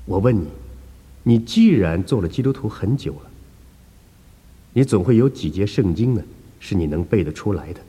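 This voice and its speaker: A man doing a quiet, grave doctor. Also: on the low side, animated, normal speed, pauses often, slightly rough, big-room sound. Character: calm, serious male doctor.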